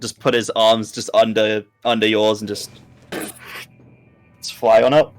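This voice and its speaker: A man playing a tabletop game, bantering casually in halting, repetitive bursts. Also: fairly low pitch, level tone, soft background music.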